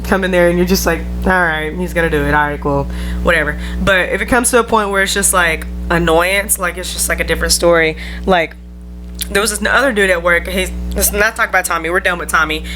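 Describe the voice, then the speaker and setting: A young adult woman hosting her own podcast at home, chatting in a loose, rambling way, full of "like" and casual slang. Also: medium pitch. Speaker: podcast host. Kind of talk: casual solo podcast chat. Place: at home in front of a camera.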